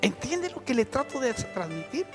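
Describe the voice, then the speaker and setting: A man preaching with a very high voice that rises into loud exhortation and then drops to hushed asides. His words ring out with a long echo in a church hall, with faint music underneath. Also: big pitch swings, normal speed. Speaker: pastor. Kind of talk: sermon.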